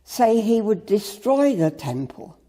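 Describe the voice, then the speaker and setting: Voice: medium pitch, big pitch swings, takes it slowly, dark tone, pitched above the performer's own voice. A meditation reader voicing an accusing male witness, giving raised, emphatic testimony, with a long reverb. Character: accusing man, a hostile witness.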